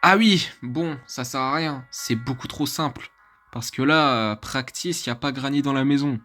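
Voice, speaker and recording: A man's voice: mid-range voice, normal speed, bright, forceful tone, soft background music. A man casually commentating a horror video game, chatty, swearing and laughing at his own mistakes. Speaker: gaming YouTuber.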